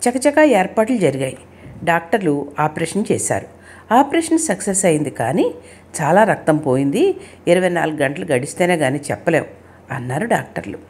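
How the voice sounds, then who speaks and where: A woman narrating a written short story with an expressive, emotional reading. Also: sits low, brisk, husky.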